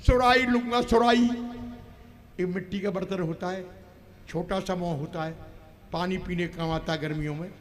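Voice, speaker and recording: A man playing a saint who tells a lively parable, acting out a crying child, and gently refuses a request. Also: high voice, normal speed, pauses often, close to an everyday voice. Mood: storytelling. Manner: animated storyteller, acts out voices. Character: wise saint, storytelling elder. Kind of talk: folk stage play.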